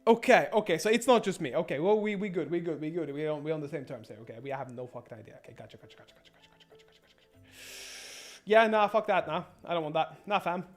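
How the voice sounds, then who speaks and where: A man's voice: on the high side, expressive, fast talker, hardly any pauses, soft background music. A man giving casual, profane commentary as he plays a game, rambling, stammering and repeating himself. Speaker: gaming streamer.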